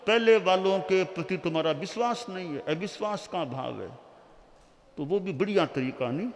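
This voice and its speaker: A man giving a sermon as a Jain monk, teaching slowly and deliberately and acting out short quotes. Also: high voice. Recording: long hall reverb.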